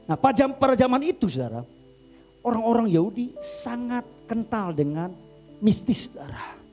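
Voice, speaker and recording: A male pastor from Indonesia telling a story in a sermon, dramatic and animated, with mouth sound effects. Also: very high voice, moderate pace, soft background music.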